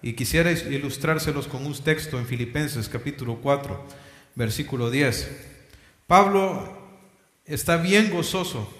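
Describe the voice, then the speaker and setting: A man's voice: fairly high pitch, a little slow, a bit bright. A man preaching a sermon as pastor, often asking rhetorical questions and addressing the congregation as brothers. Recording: echoey hall with long reverb.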